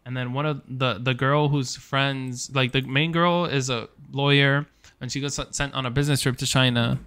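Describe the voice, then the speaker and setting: Bright, clear-voiced young man chatting. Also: mid-range voice, little pitch movement, normal speed. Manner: rambling, swears freely, laughs easily. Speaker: podcast co-host. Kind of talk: casual chat over beers. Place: bar.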